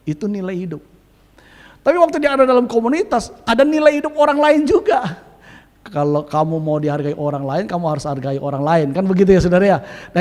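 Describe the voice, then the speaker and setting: A male pastor preaching a sermon in a lively way, quizzing the congregation and calling for amens. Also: high-pitched. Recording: long hall reverb.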